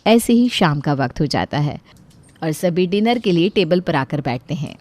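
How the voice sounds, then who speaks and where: Woman storyteller, lively up-and-down pitch, clear narration, dry close sound. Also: normal speed, no room sound.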